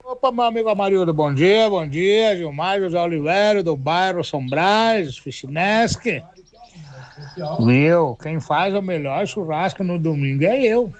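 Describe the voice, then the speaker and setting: Brazilian man phoning a radio show, fairly high voice, cheerful and chatty. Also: lively intonation, unhurried. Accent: Brazilian Portuguese. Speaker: radio caller. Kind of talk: casual phone call.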